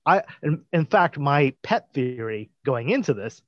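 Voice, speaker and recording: Animated man chatting on a podcast. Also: on the high side, measured pace, no echo. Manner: animated, laughs, acts out quotes. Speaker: podcast co-host. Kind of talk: casual chat about a TV episode. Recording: dull lo-fi dry sound.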